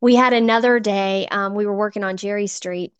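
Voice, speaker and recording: A woman's voice: medium pitch, steady tone, a little fast, clean tone, dry recording. Earnest woman telling her testimony. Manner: earnest, emotional, gets choked up. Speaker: church volunteer guest. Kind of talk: personal testimony storytelling.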